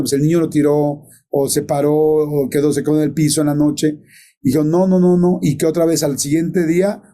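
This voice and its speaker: Guy rambling through a scary story, lots of fillers, super dark mellow voice. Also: fairly high pitch. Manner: rambling, colloquial, many fillers and self-corrections. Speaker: co-host telling a ghost story. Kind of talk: casual storytelling chat.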